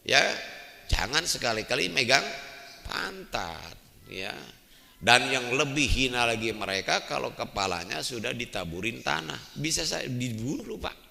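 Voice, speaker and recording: An older man preaching a storytelling sermon in a mosque, talking lively and turning to his listeners with "Pak". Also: mid-range voice, measured pace, vocal fry. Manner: lively, addresses the men as "Pak". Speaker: Islamic preacher. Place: mosque hall. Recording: long echo of a mosque hall.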